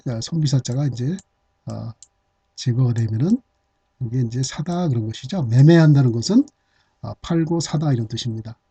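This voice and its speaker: A middle-aged man teaches a hanja vocabulary lesson on Chinese characters, explaining patiently with plenty of "ah" and "uh" fillers. His mid-range voice is warm with a breathy edge. The dry recording has no room sound and is dull and slightly lo-fi.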